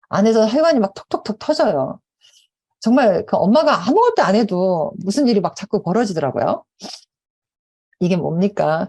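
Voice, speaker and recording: A middle-aged woman speaking at a conference, telling personal stories in a lively way and acting out quotes. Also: medium pitch, husky. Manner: animated storytelling with acted quotes. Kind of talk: conference talk. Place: conference hall.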